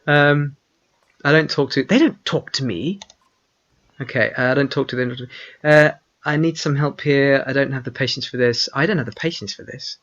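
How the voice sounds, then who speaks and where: A man's voice: medium pitch, moderate pace, a bit bright, highs cut off. A man hosting a game playthrough, reading the dialogue aloud with stumbles and self-corrections. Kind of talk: casual let's-play commentary with read-aloud dialogue.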